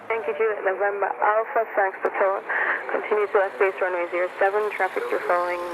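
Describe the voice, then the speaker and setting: A man working as an air traffic controller, giving rapid, clipped instructions over a radio transmission heard through a headset. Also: high voice, little pitch movement. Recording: lo-fi radio with static hiss.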